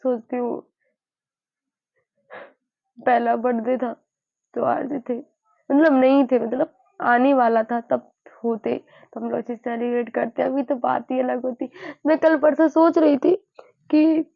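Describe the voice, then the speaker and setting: A woman in her early twenties sharing her grief in a personal vlog. She sounds weary and low, halts often, and repeats herself. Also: little pitch movement, gravelly, no room sound. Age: early 20s. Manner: halting, repeats herself, many fillers. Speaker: vlogger. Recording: dull lo-fi dry sound.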